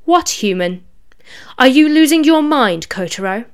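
A woman's voice: moderate pace, smooth, lightly acted. A woman voicing a menacing rabbit demon commander. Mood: scornful. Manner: cold, menacing, low whispered threats. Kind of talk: storybook reading.

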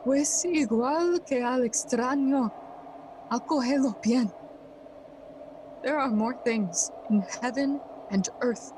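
In a Shakespearean audio drama, a female voice plays a grieving, feverish young prince sworn to vengeance. Her delivery is high, very deliberate and impassioned, with theatrical phrasing and a solemn, intent mood, while faint ambient noise sits behind her.

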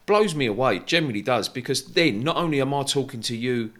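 A man's voice: medium pitch, animated, brisk, a bit bright. Chatty man hosting a podcast. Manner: informal, chatty, repeats phrases. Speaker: podcast host. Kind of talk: casual conversational interview.

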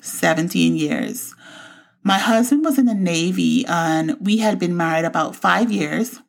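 A woman in her forties from the Bahamas hosts her own show and tells her personal story of faith. Her voice sits a touch low and has a gravelly edge. She speaks in a reflective, heartfelt way. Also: sing-song, unhurried. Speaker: podcast host.

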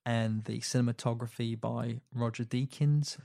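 A man's voice: mid-range voice, fairly even intonation, normal speed, creaky, warm tone, no room sound, clean studio sound. A man hosting a casual film podcast, chatty, with frequent fillers and restarts. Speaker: podcast host.

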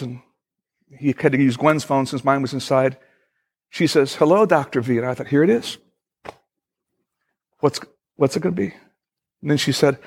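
A middle-aged man, a pastor, preaching a sermon in a conversational, storytelling way with frequent pauses. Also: a little high.

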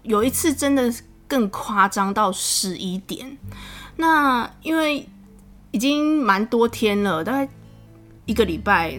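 A woman with a Taiwanese Mandarin accent talks about her young son in a chatty, animated way. She laughs often, and her voice climbs when she gets exasperated. Soft music plays faintly in the background. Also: medium pitch. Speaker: podcast host, mother. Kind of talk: casual storytelling monologue.

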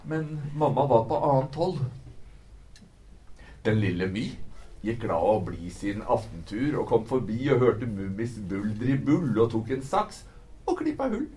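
A male reader telling a rhymed children's story in a lively, sing-song way. His pitch swings widely from line to line, leaping up for excitement and dropping low for suspense, at a moderate, mid-range voice. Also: slight background noise. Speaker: book talk presenter. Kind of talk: reading a rhymed picture book aloud.

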